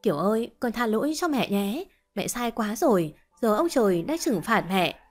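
A woman's voice: mid-range voice, big pitch swings, moderate pace, faint music behind. A woman voicing a desperate, grieving older mother who pleads through sobs. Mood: wailing. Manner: sobbing, pleading.

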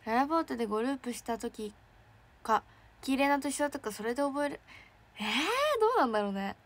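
High-voiced bubbly young woman streaming. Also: fast. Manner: chatty and bubbly, reacting with excited squeals. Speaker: idol trainee streaming to fans. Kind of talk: casual livestream chat reading fan messages.

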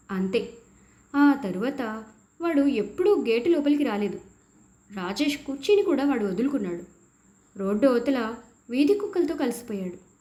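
A woman reads a first-person story aloud, letting her high voice rise and fall across a wide range. The tone stays mellow and warm as the tense passages build. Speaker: narrator. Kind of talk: storybook narration.

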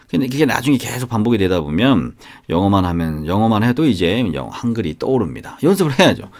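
A man with a mid-range, darkish-toned voice leads an informal spoken English lesson that includes sung examples. He chats casually, asks rhetorical questions, and repeats phrases, accompanied by a guitar.

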